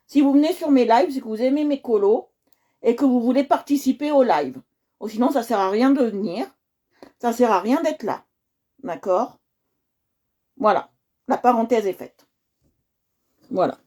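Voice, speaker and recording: A woman's voice: on the high side, moderate pace, pauses often, warm tone. A woman hosting a coloring livestream, chatting casually with her viewers and often repeating herself as she checks in with them.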